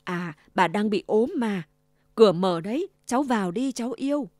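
A woman's voice: a little high, expressive, normal speed, dry recording, studio quality, lightly acted. Woman voicing a sly greedy old wolf. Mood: falsely sweet. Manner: growling, and fakes a sweet old grandma voice. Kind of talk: storybook reading.

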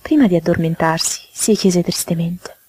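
Woman reading a fairy tale, soft half-whisper, lowish husky voice, dry close sound. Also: moderate pace. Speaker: storyteller.

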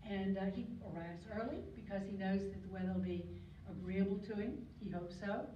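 An older woman, a guest speaker on local birds, gives a relaxed slide talk from a podium, chatty and wandering, with ums and occasional throat clearing. Her voice is mid-range and fairly quick. The podium mic is picked up by a camera far back in an echoey lecture hall, so the sound is muffled with steady background noise.

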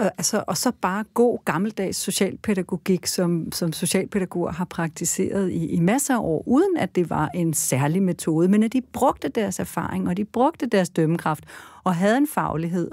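A woman's voice: mid-range voice, darkish tone, no echo. Woman host asking direct questions, dry sound. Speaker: podcast host. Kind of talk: moderating a panel discussion.

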